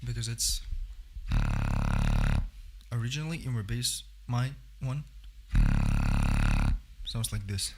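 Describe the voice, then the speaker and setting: A man casually explaining beatbox technique to a livestream audience. He speaks in halting fragments and trails off mid-thought to show a sound. His voice sits at an ordinary male pitch, with clear background noise under the stream audio.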